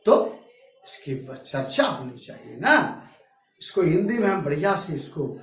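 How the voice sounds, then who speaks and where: A man teaching Sanskrit grammar in a classroom, repeating key terms slowly and asking and answering his own questions. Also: on the high side, very animated. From Bihar, India. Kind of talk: classroom lecture. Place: echoey classroom. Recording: very echoey room from far off, faint music.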